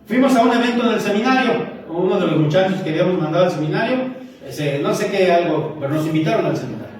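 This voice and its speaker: A man's voice: fairly high pitch, a little mellow, a little hiss or hum. A man preaching a sermon as pastor, telling stories and joking with the congregation. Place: church hall. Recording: echoey hall from far off.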